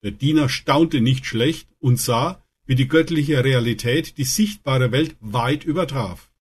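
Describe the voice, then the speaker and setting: A man narrating Bible stories in a calm, earnest way, lifting his voice for the quoted lines. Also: medium pitch, a little slow, breathy edge. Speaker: Bible storyteller. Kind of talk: scripted Bible story narration.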